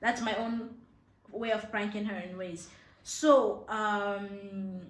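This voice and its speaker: A woman's voice: medium pitch, steady tone, slow. A young woman from Nigeria hosting a casual chat with her mother, talking in a playful way with many fillers and restarts. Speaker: host. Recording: echoey room.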